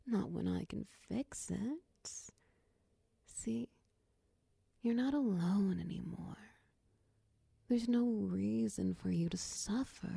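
A woman breathes life into a doting, possessive serpent-tailed mother figure who whispers right at your ear. Her hushed voice is husky and dark, with a deep crackle of vocal fry. She draws every coaxing, soothing phrase out at an unhurried crawl. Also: no echo, studio quality, heavily acted. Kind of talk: ASMR whispered roleplay.

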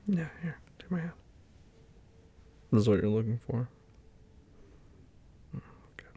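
A man softly murmuring and whispering in an intimate roleplay, soothing a partner back to sleep. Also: medium pitch, expressive, a little slow. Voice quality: husky and breathy. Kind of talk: whispered boyfriend roleplay ASMR.

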